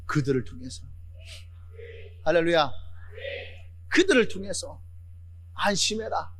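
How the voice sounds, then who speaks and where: A male pastor preaching a sermon fervently, repeating phrases and building up to shouts. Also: extremely high pitch, very animated, normal speed.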